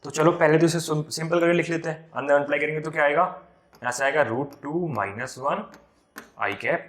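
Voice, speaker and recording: A man teaching vector algebra step by step for an entrance exam, slowing down as he reads out each term. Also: on the high side, a bit bright, echoey room. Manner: slows down when reading out terms, mixes English math words. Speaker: math teacher.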